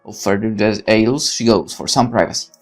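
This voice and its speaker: A woman with an extremely low-pitched voice reads game text from a visual novel at a moderate pace over soft background music. Playing through it as a let's player, she breaks off into frank, opinionated commentary, exclamatory and unafraid to swear.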